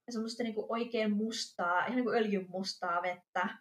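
A woman co-hosting a casual podcast chat, telling an everyday story in a lively way and acting out bits of dialogue. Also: mid-range voice. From Finland. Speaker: podcast co-host. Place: lives in Amsterdam. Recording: roomy echo.

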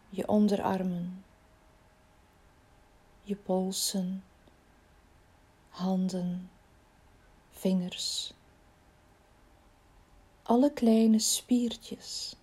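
In a slow, soothing, soft voice of medium pitch with a breathy edge, a woman guides listeners through a body-scan relaxation. She often drops nearly to a whisper.

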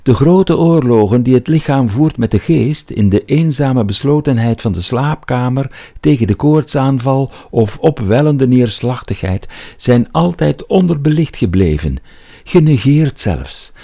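A man with a Flemish accent voicing a high-voiced literature professor who lectures and declaims a quotation. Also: animated, unhurried, mellow. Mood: declaiming.

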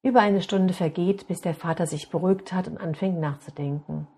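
A woman hosting a podcast, calmly addressing her listeners and narrating a story. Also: fairly low pitch, brisk, husky. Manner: calm, addresses listeners directly. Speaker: podcast host.

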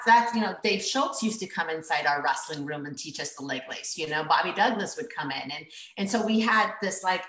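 A middle-aged woman telling a story in a casual interview, animated and laughing often as she acts out what people said. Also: fairly low pitch. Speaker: guest. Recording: echoey room.

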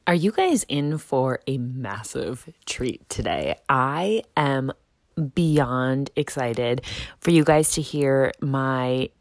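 A woman's voice: rumbling low, lively intonation, takes it slowly, no room sound, studio quality. A woman with a Midwestern American accent hosting a podcast, opening the show and greeting her guest with gushing enthusiasm. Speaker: podcast host. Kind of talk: podcast intro and interview.

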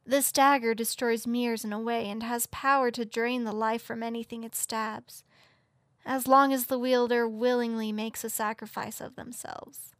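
A man's voice: very high-pitched, little pitch movement, fairly bright tone, no echo, clean studio sound, pitched above the performer's own voice. A man voicing a frail, dying fay queen, in a weak, solemn and formal voice. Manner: solemn, slow, formal speech. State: weak and faint. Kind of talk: audiobook character voice.

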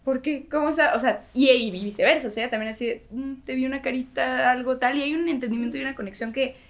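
Young woman, podcast guest, high voice, enthusiastic casual talker. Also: fast talker. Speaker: podcast guest, adult daughter. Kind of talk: casual chat.

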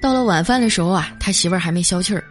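A woman's voice: on the low side, rapid-fire, music in the background. A woman streamer telling comic stories in a chatty way, drawing out her sentence particles. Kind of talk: comic storytelling.

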